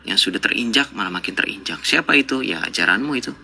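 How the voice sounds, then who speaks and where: A man's voice: on the low side, expressive, quick pace, gravelly, sharp tone, slightly rough. A man hosting a live online debate, lecturing callers with mocking rhetorical questions. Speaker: live-stream debate host.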